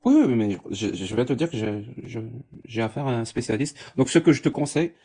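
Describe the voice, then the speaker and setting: A man's voice: medium pitch, animated, a little fast, warm tone. A man debating informally on a live stream, sardonic and insistent, restating his points and questions.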